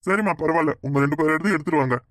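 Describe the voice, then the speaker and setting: A woman's voice: low voice, very fast, no echo, studio quality, pitched below the performer's own voice, lightly acted. A woman voicing a polite, businesslike middle-aged male loan agent in a cartoon. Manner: polite, formal, patient. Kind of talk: cartoon voice acting.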